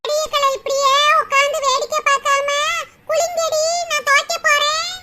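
A woman voicing bossy, loud village women in a cartoon, with a southern Tamil accent and a shrill, scolding manner. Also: flat delivery, moderate pace. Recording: loud background noise.

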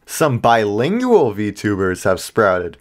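A man's voice: on the low side, very animated, slow. A man hosting his own channel, narrating a comedic video essay with sarcastic, joking asides. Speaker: YouTuber host.

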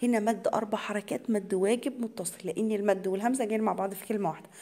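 A woman with an Egyptian accent teaching tajweed to beginners. She explains each rule in quick colloquial speech, then recites the words slowly and drawn out. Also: medium pitch, steady tone, warm tone. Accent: Egyptian Arabic.

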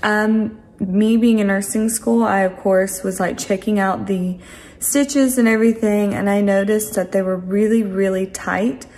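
A woman's voice: mid-range voice, fairly even intonation, unhurried, darkish tone. Chatty young woman vlogging at home. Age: 20s. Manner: chatty, rambling with frequent ums and likes. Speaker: lifestyle vlogger. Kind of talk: casual vlog chat to camera. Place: kitchen at home, indoors. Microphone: phone camera at arm's length.

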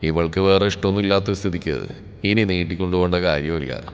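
A man doing a deep, stern older uncle. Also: clear, resonant tone, lo-fi sound. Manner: firm, commanding, low and measured. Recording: reverberant room with background music.

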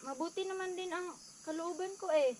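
A woman playing a wary, softhearted female rebel commander in an amateur outdoor skit, speaking in a hushed, low-key way. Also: a little fast, crowd noise. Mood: softening.

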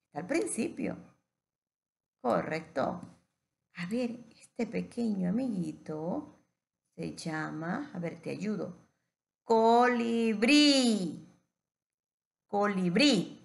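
A woman teacher giving a patient phonics lesson to young children, stretching words out slowly. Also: lowish voice, lively intonation, vocal fry.

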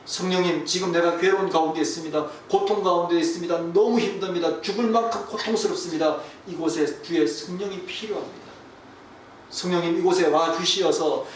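A man, a pastor, preaching a sermon and telling a story, falling to a hush and then rising again. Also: fairly high pitch. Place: church sanctuary. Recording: distant, echoey room with faint hiss.

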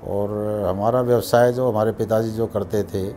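An older man from Haryana, India, recounts his life in an interview. His voice is low and mellow, and he speaks in a reflective, unhurried way with pauses. Faint music runs underneath. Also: fairly even intonation. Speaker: businessman interviewee. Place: office with shelves of awards, indoors. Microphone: lapel.

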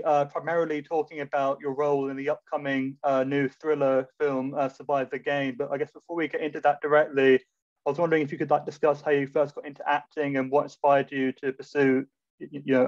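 Male podcast-style host, monotone delivery, hesitant questions, muffled lo-fi mic. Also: a little high, a little fast. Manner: hesitant, rambling questions with fillers. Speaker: interview host. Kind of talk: casual interview. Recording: dull lo-fi sound.

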